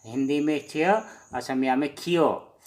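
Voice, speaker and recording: A man teaching the alphabet slowly, pausing often with fillers as he writes. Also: medium pitch. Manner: slow, halting, many pauses and fillers. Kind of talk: handwritten alphabet lesson.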